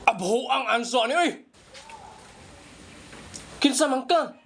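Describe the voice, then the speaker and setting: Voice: high-pitched, expressive, slow, fairly bright tone, slight background noise. Give me a comedian playing every role in a skit. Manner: switches between put-on voices. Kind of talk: one-person comedy skit, playing several parts.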